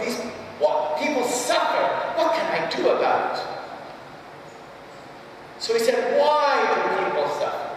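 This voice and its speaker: Speaking to a crowd in a big, echoey hall, this fiftyish man with a fairly high voice teaches religion through stories in a keynote address. His halting, emphatic style leans on repeated phrases and rhetorical questions to listeners, captured by a distant microphone with slight background noise.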